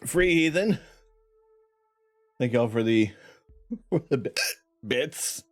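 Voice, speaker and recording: A man hosting a live stream, chatting with viewers and thanking them, laughing and clearing his throat between bites of hot peppers. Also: medium pitch, lively intonation, takes it slowly. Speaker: livestream host. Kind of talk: casual live-stream chat.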